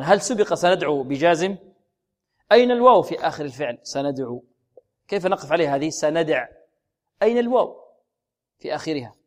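Quran teacher quizzing his class, fairly high voice. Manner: asks questions and answers them himself, drawing out recited words. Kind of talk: tajweed lesson with recitation.

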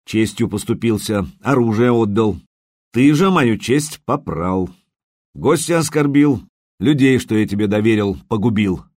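A man voicing a stern older prince who speaks quietly, coldly and menacingly while passing judgment. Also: fairly low pitch, lively intonation, unhurried, no echo, studio quality.

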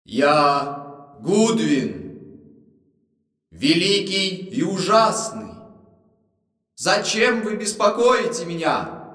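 A woman voicing a grand, imperious male wizard who speaks invisibly, slow and solemn, in a long hall reverb. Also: on the low side, big pitch swings, fairly bright tone, heavily acted. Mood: solemn, commanding.

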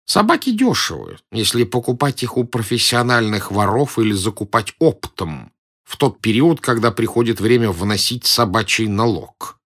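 For an audiobook, a man voices a timid, pedantic elderly professor who is fussy, whiny, and indignant. His low-leaning voice is very animated and exaggerated, with a fairly bright tone and a moderate pace.

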